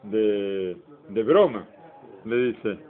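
A man's voice: lowish voice, animated, drawn-out words. A man teaching an informal Torah class, explaining step by step and asking the class questions. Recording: tinny phone-like recording.

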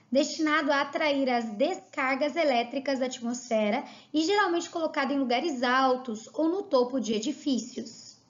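A woman with a Brazilian Portuguese accent, teaching a recorded lesson and reading words out slowly and clearly. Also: sits high, fairly bright tone, dull audio. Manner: slow, clearly spelled-out dictation of words.

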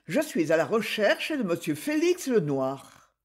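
A woman's voice: mid-range voice, big pitch swings, a little slow. A woman voicing a puzzled young man who stammers apologies and questions. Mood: flustered apologetic. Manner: hesitant, apologetic.

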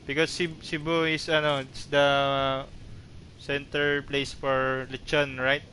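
A man's voice: medium pitch, flat delivery, slow, pushed and bright, a little hiss or hum, low-quality recording. A man from the Philippines with a Filipino accent, teasing his co-player and mixing Tagalog with English on a game stream. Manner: teasing, mixes Tagalog and English, laughs often. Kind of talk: casual gaming chat.

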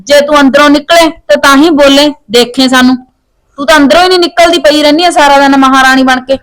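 Actress as a scolding mother-in-law, quick-talking, a touch high. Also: fairly even intonation, fairly bright tone, rough recording. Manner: scolding, nagging. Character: sharp-tongued middle-aged mother-in-law. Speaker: actor in a family skit. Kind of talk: scripted domestic skit acting.

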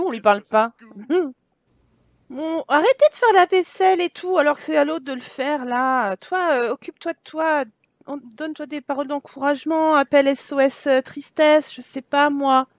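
Chatty high-voiced woman playing a game. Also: no echo, studio quality. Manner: chatty, teasing, talks to her game characters. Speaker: gaming YouTuber. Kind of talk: casual Let's Play commentary.

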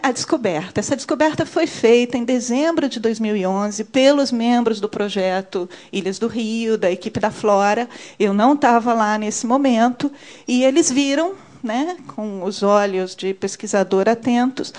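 A woman, giving a measured conference talk on a handheld microphone, with many fillers as she points at her slides. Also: a little high, a little mellow. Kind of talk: conference presentation. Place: conference room. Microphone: handheld mic.

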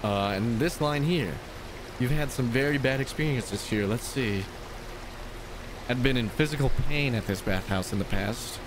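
A man's voice: mid-range voice, normal speed, background noise, lightly acted. A man voicing a creepy male fortune teller from a video game, with intimate, insinuating palm-reading patter. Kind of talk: video game dialogue read aloud.

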